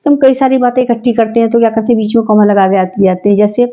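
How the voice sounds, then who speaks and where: A woman's voice: a little high, little pitch movement, fast talker, lo-fi sound. A woman teaching a grammar lesson, explaining step by step and answering her own questions.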